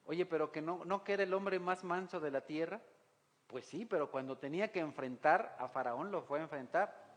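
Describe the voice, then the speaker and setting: Pastor preaching in a reverberant hall. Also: male voice, a little high, moderate pace. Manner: rhetorical questions to the congregation, reads scripture aloud. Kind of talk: sermon.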